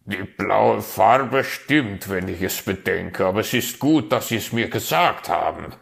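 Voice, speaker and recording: A man voicing a helpful male raven craftsman in a storybook tale, brisk and croaking. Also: on the low side, animated, a bit bright, exaggerated voice.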